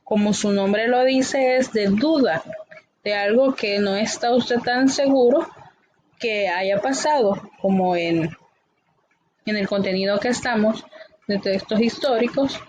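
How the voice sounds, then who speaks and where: Woman teacher, patient and halting. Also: mid-range voice, darkish tone, a little hiss or hum, rough recording. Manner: patient, repetitive explaining with frequent "eh" fillers. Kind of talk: explanatory lesson.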